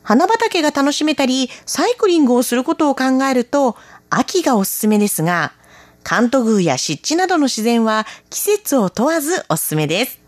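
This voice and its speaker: Lively woman presenting travel tips. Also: high-pitched, moderate pace, no room sound. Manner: gentle, explanatory, friendly recommendations. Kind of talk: scripted travel narration.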